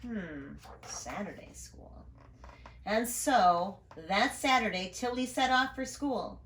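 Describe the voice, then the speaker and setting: In an echoey, roomy recording with slight background noise, a female educator slowly and expressively reads a children's story aloud in a mid-range voice. Along the way she adds brief asides about the illustrations for her young audience.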